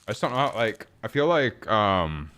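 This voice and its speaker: A man chatting casually on a livestream while he works on a game, rambling with many fillers and pausing to eat. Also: fairly low pitch, big pitch swings, bright, forceful tone. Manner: rambling, hesitant, lots of fillers. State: eating while talking.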